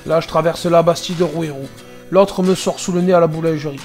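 Sarcastic, chatty trucker. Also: male voice, on the high side, fairly even intonation, fairly quick, a little mellow, faint music behind. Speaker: truck driver narrating dashcam clips. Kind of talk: casual commentary over dashcam footage.

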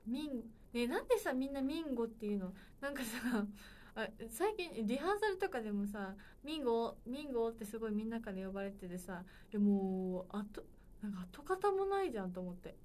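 A woman's voice: on the high side, very animated, brisk, a little mellow. Playful young woman livestreaming. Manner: playful and chatty, addressing viewers directly. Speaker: livestream host. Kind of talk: casual solo livestream chat with viewers.

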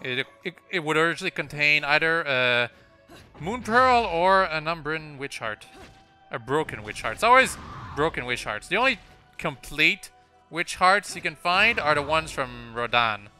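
A man's voice: on the high side, sing-song, moderate pace, sharp tone. A young man giving casual, rambling gameplay commentary, often restarting his sentences and filling gaps with "uh" and "like". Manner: rambling, self-correcting, frequent fillers and restarts. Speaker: let's play commentator. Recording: game music playing behind.

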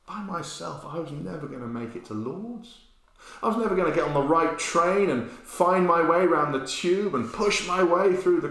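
A man in his fifties preaching a sermon, animated storytelling that swings between loud and hushed, recorded indoors in a bare room by a camera at medium distance. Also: a little high. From England. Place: bare-walled room indoors, with a sign language interpreter beside him. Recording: very echoey room.

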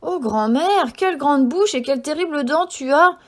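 A woman doing a bright, high little girl. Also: expressive, normal speed. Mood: puzzled. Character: sweet trusting little girl.

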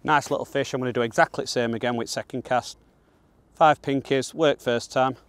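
A Northern English man in his thirties or so gives matter-of-fact, casual instructions while fishing on the bank of a pond, presenting a fishing guide. He's plain-spoken and colloquial. His medium-pitched voice holds a steady tone at a slightly fast pace, with no echo.

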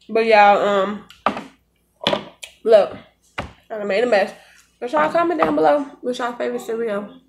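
A young American woman chatting casually and familiarly to viewers while eating cereal in her kitchen, recorded on a phone. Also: mid-range voice. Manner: folksy, addressing viewers familiarly. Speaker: vlogger. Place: home kitchen. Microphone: phone propped at arm's length.

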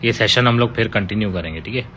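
A man's voice: on the low side, fast, pushed and bright, a little hiss or hum. A man, chatting casually on a live stream and answering fan comments with teasing, playful banter.

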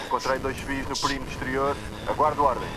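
A man's voice: medium pitch, level tone, quick pace, lightly acted, rough recording. A man voicing a stern soldier guarding a perimeter in a video game dub, curt and commanding. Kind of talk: dubbed video game dialogue.

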